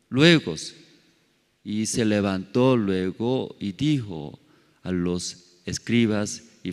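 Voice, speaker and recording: Long hall reverb fills this church sanctuary recording of a male pastor with a lowish voice. Preaching in hesitant Spanish that isn't his native tongue, he peppers the congregation with questions and pads his speech with fillers.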